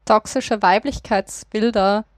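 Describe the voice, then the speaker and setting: A woman's voice: medium pitch, fairly even intonation, takes it slowly, no echo, clean studio sound. A woman of twenty-nine from Austria co-hosting a podcast, moderating in a friendly way and putting questions to the others. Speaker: podcast co-host. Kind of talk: podcast discussion.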